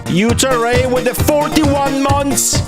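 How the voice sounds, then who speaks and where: A man hosting a livestream on a headset mic, greeting viewers and reading their names in quick lists. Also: very high voice, steady tone. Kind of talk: casual stream chat, reading out viewer names. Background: loud game music.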